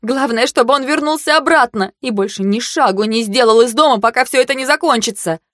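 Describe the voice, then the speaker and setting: A woman voicing a desperate, hot-tempered young sorceress who shouts and pleads. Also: on the high side, brisk, no echo, studio quality, voice pushed up, close to an everyday voice. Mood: pleading.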